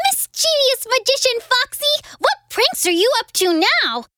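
A woman's voice: very high voice, very animated, measured pace, exaggerated voice. A woman voicing a mischievous, boastful young male fox magician in a children's cartoon, teasing and gleeful. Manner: gleeful teasing, brags loudly, giggles. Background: children's music.

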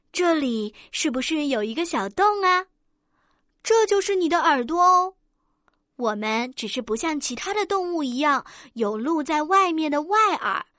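A woman voicing a patient, loving mother hen in a soft, soothing, motherly way. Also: sits high, dry recording, studio quality.

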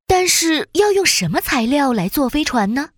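A woman narrator reading a scripted children's story in an animated storytelling style. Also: sits high, moderate pace, no room sound, clean studio sound.

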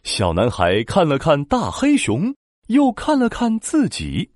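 A man narrating a children's story in an animated, expressive storytelling manner. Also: a little high, unhurried, no room sound, clean studio sound.

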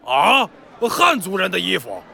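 A man's voice: high voice, wildly swooping pitch, a little slow, gravelly, bright, forceful tone, exaggerated voice. A man playing a blustering, clumsy-tongued warlike minister with an in a children's audio drama. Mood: reluctant grumbling. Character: blustering rustic warlike male Xianbei minister.

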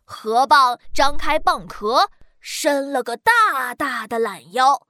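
A woman narrating a children's story in a gentle, expressive way. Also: high voice, no echo, soft background music. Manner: gentle, expressive, slow-paced.

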